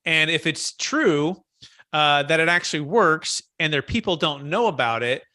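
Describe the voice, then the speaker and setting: Man, host, casual webinar talk over a video call, earnest, bright forceful voice, slightly high, dry close sound. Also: moderate pace, no echo. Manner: earnest, thinks aloud with restarts. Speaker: host of a commercial real estate mastermind call.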